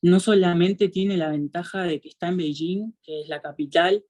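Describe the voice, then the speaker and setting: A young man with a Uruguayan Spanish accent speaks in a relaxed, chatty way, padding his sentences with easy fillers. He talks like a student sharing his experience in an informal online session. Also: sits high, moderate pace. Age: 20s. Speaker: international student. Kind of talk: casual talk in a webinar.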